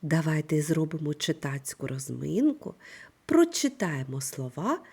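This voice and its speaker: Slow, lively-voiced woman teacher. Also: low-pitched. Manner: slow, clear, instructive delivery with lively intonation. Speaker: primary school teacher. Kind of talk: scripted online reading lesson.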